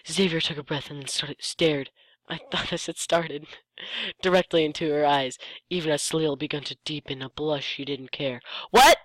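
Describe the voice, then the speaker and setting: A host gives a comedic reading of fan fiction and keeps breaking off for sarcastic asides about the writing. The voice sits at a middle pitch and sounds dry and close, with no room around it. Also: fairly bright tone, no echo, rough recording. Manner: sarcastic, mocks the text and stumbles over lines. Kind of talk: comedic dramatic reading with commentary.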